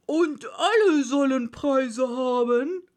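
A woman's voice: sits high, slow pace, a little mellow. Woman doing a solemn pompous Dodo bird. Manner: formal, ceremonious speech.

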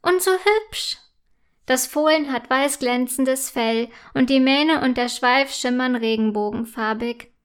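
A woman reading a children's story aloud, gentle and careful. Her voice is high and clear. She reads at a slow, even pace.

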